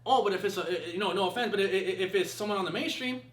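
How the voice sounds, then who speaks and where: Fast-talking, high-voiced passionate rapper. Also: male voice, roomy sound, a little hiss or hum. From Southern California. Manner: passionate, animated, heavy street slang and swearing. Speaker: rapper, interview guest. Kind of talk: casual interview talk.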